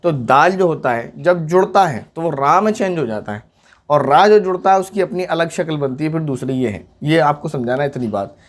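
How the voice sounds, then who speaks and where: A man teaching how Urdu letters join, spelling them out slowly and patiently, letter by letter. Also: on the high side, animated. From India. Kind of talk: step-by-step script lesson.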